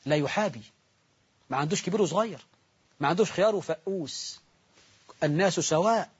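An Egyptian man preaching a sermon, telling stories with passion and moving between loud and soft delivery, on a dull recording. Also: fairly high pitch, animated, a little fast, husky. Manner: impassioned storytelling, shifts between loud and soft.

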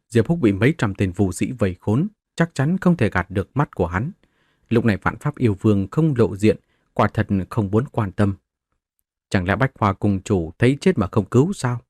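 A man's voice: fairly low pitch, a little mellow, no room sound, clean studio sound. A man narrating a martial-arts novel as a scripted audiobook, voicing the characters in his own voice.

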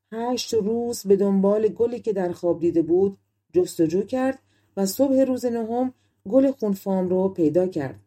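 A woman reading a fairy tale as an audiobook narrator, telling it calmly in a relaxed spoken style. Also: medium pitch. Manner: calm storytelling in colloquial spoken forms. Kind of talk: storybook narration.

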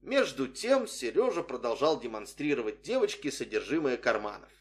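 A man's voice: medium pitch, sing-song, moderate pace. A man reading a humorous story aloud as scripted narration, with a dry, wry storytelling manner. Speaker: audiobook reader.

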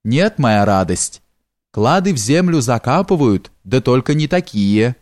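A man's voice: medium pitch, very animated, a little slow, a little mellow, dry recording, clean studio sound. A man voicing a sly, fawning male steward in an audiobook, with a coaxing, wheedling way of talking.

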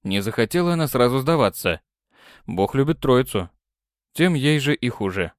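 A man's voice: mid-range voice, big pitch swings, normal speed, no echo. Dry-voiced male audiobook narrator. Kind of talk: scripted narration.

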